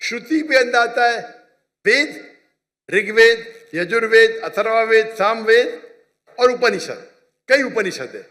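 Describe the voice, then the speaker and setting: Man, high voice, emphatic lecturing tone, audience Q&A, long hall reverb. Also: lively intonation, slow, pauses often, bright, forceful tone. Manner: lecturing, emphatic, repeats points with "you understand?". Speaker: Islamic speaker answering audience questions. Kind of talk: public question-and-answer talk.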